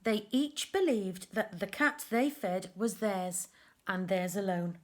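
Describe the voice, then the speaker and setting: A woman reads a picture book aloud to young children in a mid-range voice, stressing words expressively and deliberately and adding chatty asides about the pictures.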